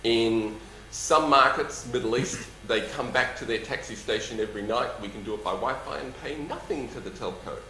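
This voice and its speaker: A company executive with a lisp takes audience questions, jovial, dryly funny and emphatic. His medium-pitched voice is bright and forceful, moving at a normal pace with hardly a pause. The room echoes a lot, with faint noise in the background.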